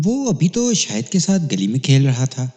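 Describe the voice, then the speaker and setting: A man voicing a worried, hurried village mother in a read-aloud crime story. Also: medium pitch, very animated, dark tone, big-room sound, close to an everyday voice. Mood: hasty. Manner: hasty, anxious.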